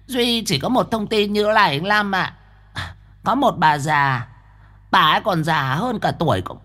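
A shrill, flamboyant ghost, whining and wailing in a high, swooping voice. He drags out every plea with theatrical drama, like a character in an audiobook ghost story. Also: sharp tone, full character voice. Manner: wailing, drawn-out pleading.

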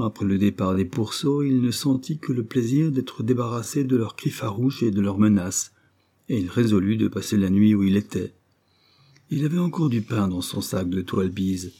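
A man narrating a classic fairy tale in a measured storytelling manner. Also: lowish voice, mellow, slightly rough. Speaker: audiobook narrator. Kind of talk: scripted literary narration.

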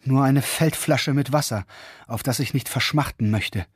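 A man's voice: mid-range voice, lively intonation, normal speed, husky, no room sound, clean studio sound. A man reading as a frightened young merchant. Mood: exhausted. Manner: anxious, pleading. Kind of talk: dramatic reading of a fairy tale.

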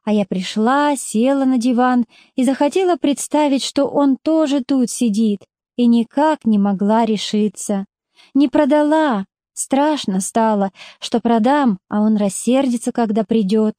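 A woman's voice: a little high, a little slow, dark tone, no echo, studio quality, lightly acted. A woman voicing a plainspoken working-class mother, blunt, stubborn and speaking in homely folk speech, in a storybook reading. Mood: plain.

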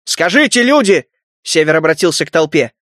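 A man's voice: a little high, sing-song, fairly quick, a bit bright, dry recording, studio quality. A man voicing a persuasive, commanding emperor addressing a crowd in an audiobook.

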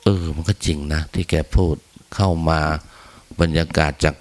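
A man's voice: very deep voice, steady tone, normal speed. A man giving a casual, humorous Buddhist Dhamma talk in earthy, crude language, often acting out the people he describes in raised voices.

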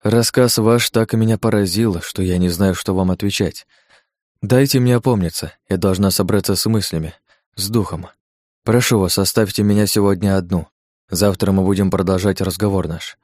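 A man's voice: sits low, steady tone, moderate pace, a little mellow, no echo, clean studio sound. A man reading as a tender, frightened young woman. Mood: alarmed.

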